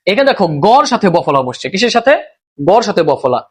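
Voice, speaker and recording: A high-voiced man with a Bangladeshi Bengali accent teaches a recorded grammar lesson. He moves step by step and keeps asking his students questions, then answers them himself. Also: very animated, fast, breathy edge.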